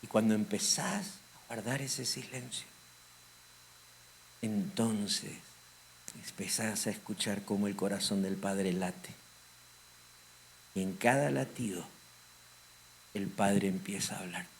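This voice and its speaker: A man pastor preaching a sermon with a Rioplatense Spanish accent, swinging from loud emphatic lines to hushed, intimate ones. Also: fairly low pitch, slow pace, creaky, long pauses, slight background noise.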